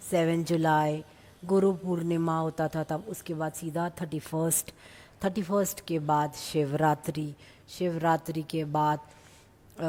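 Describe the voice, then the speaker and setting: Middle-aged lady telling stories at a satsang, lowish voice, lively, drops english bits in, room has a long echo. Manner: lively storytelling, mixing in English phrases. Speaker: devotee sharing experiences. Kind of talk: satsang storytelling.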